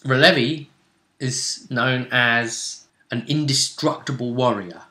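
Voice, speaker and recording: Recapping a tabletop role-play tournament he ran as game master, this vidcast host talks in a casual but emphatic, dramatic way, often repeating phrases for effect. He has a medium-pitched, steady voice that is bright and forceful, and he takes it slowly. An echoey, roomy space surrounds the recording.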